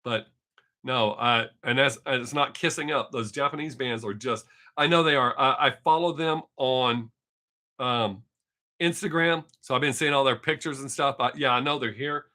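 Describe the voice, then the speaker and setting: On a live stream picked up by his webcam mic, a man in his fifties with a Texas accent chats casually with viewers, rambling and swearing a bit. He speaks at a moderate pace in a mid-range voice that sounds pushed and bright.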